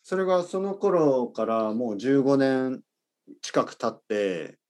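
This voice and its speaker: A relaxed, talkative man in his forties from Kyushu, chatting casually as a co-host. His pitch moves up and down a great deal as he talks, and he often slips into little acted-out quotes. The conversation stays easygoing and conversational. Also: takes it slowly. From Kyushu, Japan. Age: 40s. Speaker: podcast co-host. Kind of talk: casual chat.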